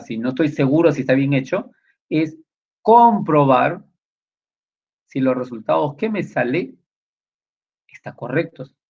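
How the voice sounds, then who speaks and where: A man teaching a spreadsheet class, explaining lively and voicing his students' questions in rhetorical asides. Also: medium pitch, creaky, breathy edge. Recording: dull lo-fi recording.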